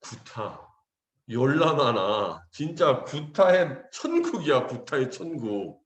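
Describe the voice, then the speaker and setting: A man in his forties tells his class a story in a joking, animated way, acting out every voice he quotes. His pitch leaps up and down freely. The sound rings in a roomy echo. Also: slow pace. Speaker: English teacher. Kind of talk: casual storytelling to students.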